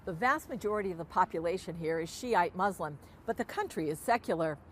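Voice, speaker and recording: A woman's voice: lowish voice, lively intonation, a little fast, slight background noise. A woman delivering a scripted news report on location. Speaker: news correspondent.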